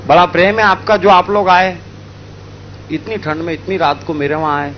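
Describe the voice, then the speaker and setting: A man voicing a generous old male monk in a told story, gently insistent and at times commanding. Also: sits high, fairly even intonation, moderate pace, lo-fi sound, a little hiss or hum, lightly acted. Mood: insistent kindly.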